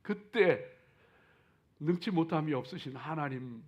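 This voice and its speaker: A pastor preaches a sermon to his congregation, his voice on the high side with big pitch swings and a measured pace. His exhortation is emphatic, shifting from hushed asides to loud declarations, repeating key phrases and posing rhetorical questions to listeners.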